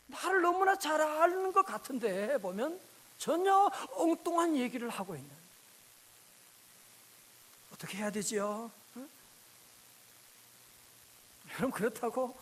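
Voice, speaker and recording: Male pastor, very high voice, lively storytelling sermon. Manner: lively storytelling with rhetorical questions to the congregation.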